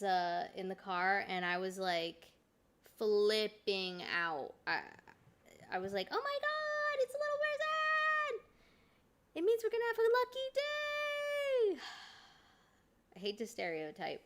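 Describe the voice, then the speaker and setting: A woman's voice: mid-range voice, a bit bright. Chatty exclaiming woman streamer. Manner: exclamatory, swears freely, chatty asides. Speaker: streamer reacting to videos. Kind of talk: casual reaction commentary. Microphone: desk mic with adjustable gain.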